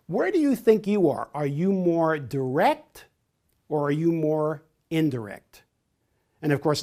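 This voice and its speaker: Male course trainer, fairly high voice, clear step-by-step explainer. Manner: explains step by step, acts out short example phrases. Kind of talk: instructional lecture.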